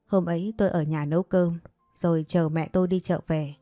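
A woman narrating a first-person story in a steady, dramatic manner. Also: lowish voice, a little fast, no echo, studio quality, soft background music.

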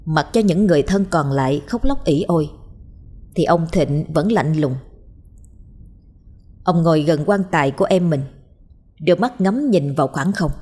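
A woman narrating a horror story in a measured, suspenseful storytelling manner. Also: sits low, lively intonation, a little mellow, breathy edge.

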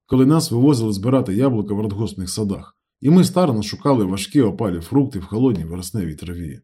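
A man reading a novel aloud in calm, measured first-person narration. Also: on the low side, breathy edge. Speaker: audiobook narrator.

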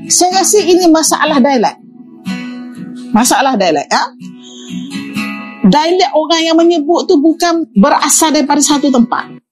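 A woman's voice: high voice, expressive, normal speed, pauses often, music in the background. A woman presenting an academic lecture, reading Arabic passages aloud and explaining them with rhetorical questions. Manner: explanatory, quotes Arabic then glosses it, asks rhetorical questions.

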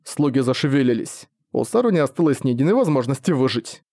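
A man narrating an audiobook in a steady storytelling manner. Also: medium pitch, quick pace, no room sound, clean studio sound.

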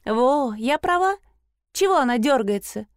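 A woman's voice: high voice, animated, unhurried, smooth, no echo, clean studio sound, voice pushed up. A woman doing a bossy, brash young haggler. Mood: haughty. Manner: curt, cold and commanding.

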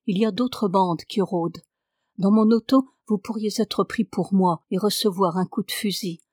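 A woman reading the lines of a calm, sorrowful clairvoyant English lord, speaking softly and gravely in her own voice. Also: mid-range voice, normal speed, dry recording, natural voice. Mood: gentle, grave. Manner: soft, gentle and grave.

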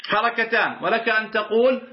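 A man's voice: sits high, a little fast. A man teaching Quran recitation rules, asking his listeners "what?" and answering himself, and drawing out each word he demonstrates. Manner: drawls out the words he demonstrates. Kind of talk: explaining a recitation rule line by line. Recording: roomy, dull lo-fi sound.

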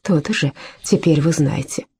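Woman reading as a calm, defiant young servant. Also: sits low, moderate pace, breathy edge, heavily acted. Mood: scornful. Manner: steady, cutting.

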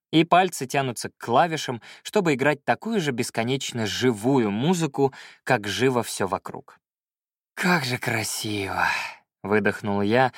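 A man reading a first-person story aloud with expressive, wry storytelling. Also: medium pitch, no echo, clean studio sound. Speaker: audiobook narrator. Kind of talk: scripted first-person narration.

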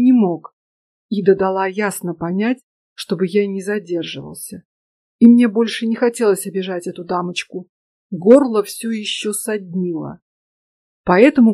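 A woman narrating a first-person story in an even, steady manner. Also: mid-range voice, no echo. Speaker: audiobook narrator. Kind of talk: scripted narration.

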